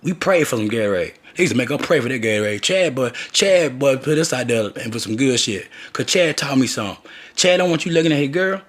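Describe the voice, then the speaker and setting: A man's voice: medium pitch, lively intonation, fast. A man telling long, rambling personal stories in a loose, profane, digressive way, often acting out the voices of the people in them. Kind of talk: rambling personal storytelling monologue.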